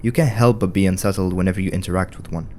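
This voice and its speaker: A man's voice: low-pitched, steady tone, fast, warm tone, slight background noise. A man narrating a scripted video essay with wry, conversational commentary.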